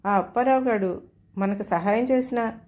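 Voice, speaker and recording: A woman's voice: a little high, moderate pace, a little mellow, close to an everyday voice. A woman reading a storybook tale, voicing a harried middle-aged husband who is fed up and exasperated.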